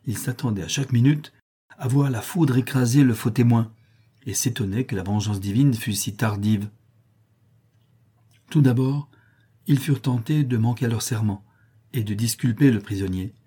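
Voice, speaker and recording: A man reading a classic novel aloud as an audiobook narrator, in a steady, measured way. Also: lowish voice, husky.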